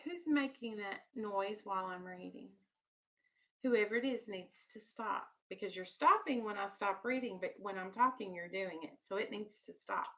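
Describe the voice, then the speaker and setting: An elementary school teacher reads aloud to young children, explaining things simply, asking questions to check they understand, and firmly keeping them on task. Her medium-pitched voice is pushed and bright, at a normal speed.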